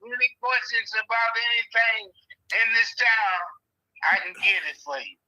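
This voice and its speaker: A man's voice: extremely high pitch, normal speed, sharp tone, dry recording. A man in his sixties, a homeowner on a phone call, talking in a rambling, reminiscing way. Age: 60s. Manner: rambling, reminiscing, heavy on fillers. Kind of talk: phone conversation.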